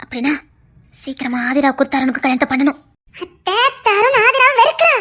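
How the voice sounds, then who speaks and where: A woman doing a stern low-voiced village aunt. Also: sing-song, sharp tone, exaggerated voice. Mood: firm. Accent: Tirunelveli Tamil. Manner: commanding, low and deliberate. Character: stern scheming middle-aged aunt, head of family.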